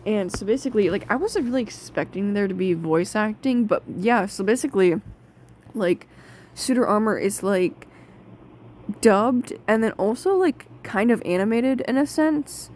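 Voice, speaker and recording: A woman's voice: medium pitch, moderate pace, a little mellow. Brief: young woman host, casual, chatty, opinionated review commentary. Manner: chatty, lots of fillers, opinionated.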